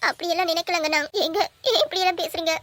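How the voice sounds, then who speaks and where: A woman's voice: very high voice, flat delivery, racing, bright, forceful tone, no echo, clean studio sound. A woman voicing a meek, devoted young wife in a cartoon, pleading and apologetic. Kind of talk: cartoon voice acting.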